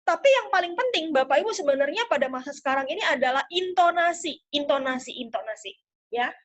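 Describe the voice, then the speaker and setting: Woman sales trainer, high voice, lively webinar delivery, muffled call audio. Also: quick pace. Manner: lively, demonstrative, addresses audience often. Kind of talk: webinar coaching talk.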